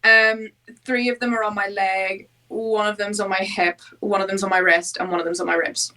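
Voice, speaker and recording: A woman's voice: mid-range voice, little pitch movement, normal speed, bright, forceful tone, recorded from a distance, low-quality recording. A woman from Northern Ireland with a Northern Irish accent, a podcast guest giving short, laughing answers.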